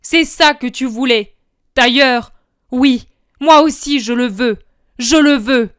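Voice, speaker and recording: A woman's voice: high voice, slow pace, clean tone, no echo, clean studio sound, voice pushed up. Judas, a woman doing a furious traitor. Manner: shouting bitter accusations. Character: furious man, a scheming traitor disciple.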